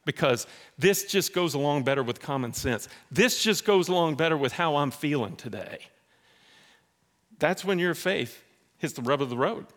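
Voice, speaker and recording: A man preaching a sermon in a church in a conversational, animated way, acting out dialogue. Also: a little high, moderate pace. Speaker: pastor.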